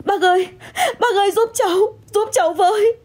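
A woman voicing a frightened young woman who pleads in a high, tearful voice. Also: animated, normal speed, a little mellow, slightly rough. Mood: panicked, crying. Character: young woman, frightened, then stubbornly honest.

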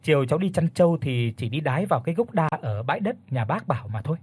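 A sheepish young villager defends himself in a subdued tone, as a man voices him. The voice is husky, low and quiet. It is heard in a narrated ghost story. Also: very animated, quick pace, no room sound.

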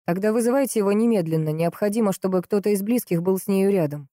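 A woman's voice: medium pitch, fast, warm tone, no room sound, studio quality, natural voice. Woman reading a curt male doctor.

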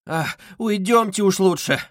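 A man's voice: sits high, lively intonation, normal speed, no room sound, clean studio sound, voice pushed up. A man voicing an anxious middle-aged mother, pleading and timid. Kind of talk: audiobook character reading.

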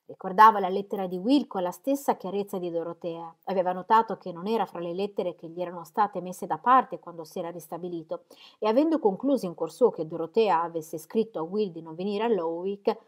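A woman narrating a classic novel as an audiobook, reading in a measured, expressive way. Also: on the low side. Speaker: audiobook reader.

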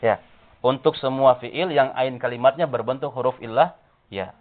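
A man's voice: medium pitch, moderate pace. A man teaching an Arabic grammar class, explaining step by step and checking whether the class understands. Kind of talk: classroom lesson. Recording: tinny phone-like audio.

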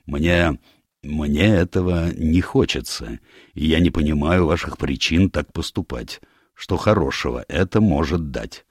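A man voicing a gruff, disapproving older male admiral in an audiobook, blunt and grumbling. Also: very deep voice, a little slow, no room sound, clean studio sound, full character voice. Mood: disgruntled. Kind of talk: audiobook character voice.

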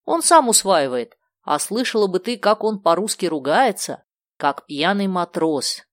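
A woman voicing a brisk, decisive adult woman who speaks firmly. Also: on the low side, sing-song, no room sound. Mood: bossy. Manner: firm, commanding.

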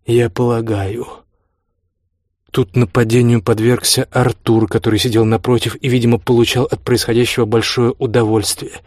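A man reading a classic novel aloud in steady, measured scripted narration. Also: medium pitch, dry recording, studio quality. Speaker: audiobook reader.

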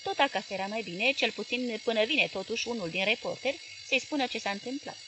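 A woman with a Romanian accent narrates a literary novel with measured clarity. Her voice sits fairly high, and a faint hum lies underneath the reading. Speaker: audiobook narrator.

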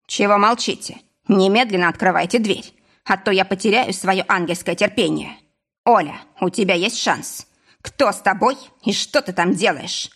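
A woman reading a menacing male boss who threatens in a husky voice, mock-sweet at times. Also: mid-range voice, moderate pace, fairly bright tone. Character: menacing middle-aged male boss, villain.

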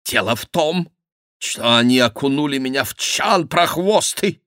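A man's voice: medium pitch, animated, unhurried, fairly bright tone, no echo, studio quality, pitched above the performer's own voice. A man playing a blustering young swordsman. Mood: raging. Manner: blustering, exclamatory. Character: bold young male courtier, swaggering, given to German oaths.

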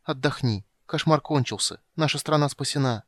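A pleading young elf princess, as a male reader puts her on, his voice pushed up high and urgent. The recording is close and dry. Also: moderate pace, a bit bright, no echo, close to an everyday voice. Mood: soothing.

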